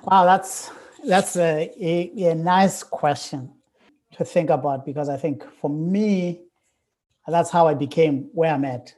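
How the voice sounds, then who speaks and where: A man's voice: fairly high pitch, takes it slowly, darkish tone. A South African man in his forties, a curate answering interview questions in a thoughtful, hesitant way with many fillers. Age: 40s. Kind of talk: casual interview.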